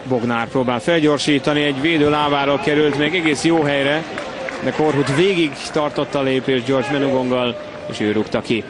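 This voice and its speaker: A man's voice: mid-range voice, steady tone. A man describing a football match as its live commentator. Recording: noisy outdoor match background.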